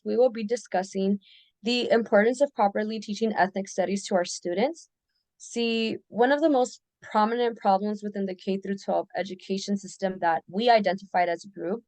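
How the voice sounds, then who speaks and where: A woman's voice: mid-range voice, darkish tone, no room sound. A young woman from the United States hosting a casual student podcast, talking with some hesitation and restarts.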